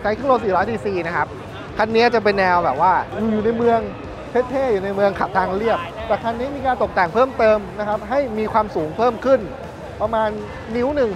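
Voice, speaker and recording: A man in his thirties presenting bikes at a busy indoor motor show in a lively, chatty way, speaking into a lapel mic. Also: high-pitched, quick pace, dull audio. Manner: lively, chatty, points things out. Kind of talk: casual walkaround presentation. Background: music.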